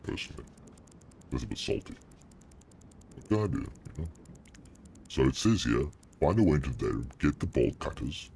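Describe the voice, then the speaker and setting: A demon rumbles out of the speakers, the voice pushed down to an inhuman low with a heavy gravelly crackle layered over it. He swears, jumps at scares and talks back to his chat in a lively, up-and-down way, over a faint hiss. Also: full character voice. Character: a demon speaking through the streamer. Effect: deep, gravelly demonic voice changer. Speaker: streamer playing a horror game. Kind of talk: live gameplay commentary.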